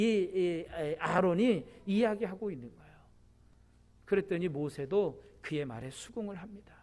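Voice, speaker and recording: A male pastor with a high-pitched voice delivers a midweek church sermon. He explains the scripture step by step and turns to the congregation with rhetorical questions.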